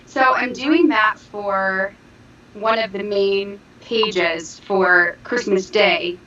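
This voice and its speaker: A woman's voice: mid-range voice, extremely slow, a little hiss or hum. A woman co-hosting a casual livestream chat, easygoing and chatty, her voice echoey over a remote call. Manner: easygoing, chatty, with soft laughs. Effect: echoey sound reported by viewers. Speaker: livestream co-host, crafter. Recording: echoey, dull online call audio.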